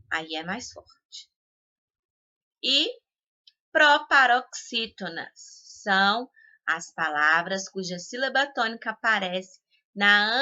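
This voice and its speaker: A woman with a Brazilian Portuguese accent teaches a school lesson at a slow, patient pace. Her voice is very bright and sharp, and she stretches out each example word. The recording is dull and lo-fi. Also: mid-range voice. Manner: slow, patient explaining with drawn-out example words.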